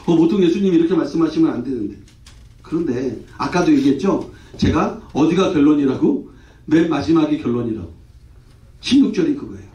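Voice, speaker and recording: A male pastor delivers a lively sermon, tossing playful rhetorical questions at the congregation. His voice is high-set but mellow in tone. It carries through an echoey church hall and is caught from a distance on a dull, muffled recording. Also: a little fast.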